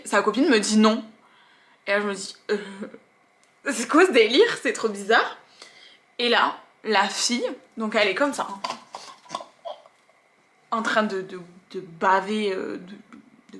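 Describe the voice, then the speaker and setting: A woman tattoo artist telling stories from her work in a vlog, acting out the scenes and the things people said as she goes. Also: medium pitch. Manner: animated, acts out scenes and quotes. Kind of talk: storytelling vlog.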